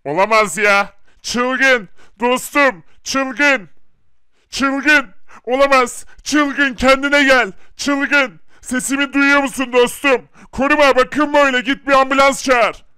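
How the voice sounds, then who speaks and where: A man's voice: very high-pitched, steady tone, takes it slowly, pushed and bright, clean tone, no echo, studio quality, heavily acted. A man voicing a bossy thief leader who speaks in an urgent, commanding way. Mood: alarmed. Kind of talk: hobby animation voice acting.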